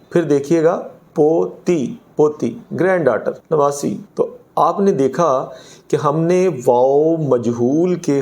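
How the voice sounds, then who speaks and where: A male Urdu teacher giving a grammar lesson to students, slowly repeating each example word. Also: on the high side, mellow.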